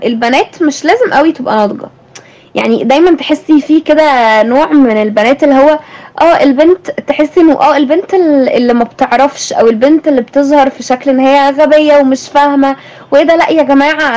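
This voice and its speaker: A woman's voice: high voice, darkish tone, rough recording. A young woman with an Egyptian Arabic accent, hosting a thoughtful conversation and asking her guest questions. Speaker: host. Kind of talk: reflective conversation.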